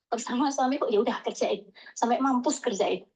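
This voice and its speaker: A woman calling in and telling a story in a lively, chatty way, acting out the lines people said to her. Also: fairly high pitch, brisk, low-quality recording. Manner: chatty, animated, acts out quoted dialogue. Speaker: caller. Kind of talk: casual storytelling phone call.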